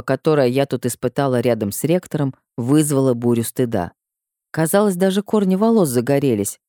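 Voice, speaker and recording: Expressive woman narrating an audiobook. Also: very deep voice, dry recording, studio quality. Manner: expressive, emotional reading. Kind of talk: first-person audiobook narration.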